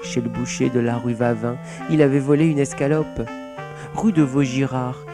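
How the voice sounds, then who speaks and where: A man narrating a children's storybook with a lively, expressive reading. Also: mid-range voice.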